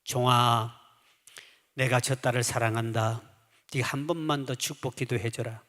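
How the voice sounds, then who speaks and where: A grave, commanding voice of God speaks low and slow, voiced by a male preacher. It is steady and solemn, and it rings through a church hall with a long reverb tail. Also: lightly acted.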